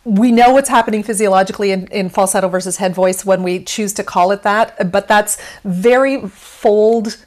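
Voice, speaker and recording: A woman's voice: medium pitch, normal speed, few pauses, a little mellow. A woman guest on an interview, explaining singing technique in a conversational way, with frequent fillers and easy laughter. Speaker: vocal pedagogy specialist guest.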